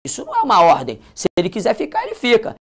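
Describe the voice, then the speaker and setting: A woman's voice: medium pitch, huge pitch swings, rapid-fire, breathy edge. A woman with a Brazilian accent teaching grammar in a video lesson, emphatic, repeating key points and dropping colloquial asides. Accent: Brazilian Portuguese. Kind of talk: classroom-style video lesson.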